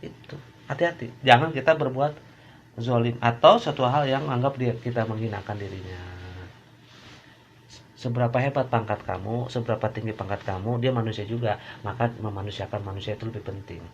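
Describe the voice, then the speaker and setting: A man's voice: medium pitch, fairly even intonation, brisk, lo-fi sound, slight background noise. A man who is an Islamic preacher, giving an informal, joking sermon with frequent rhetorical asides to his listeners.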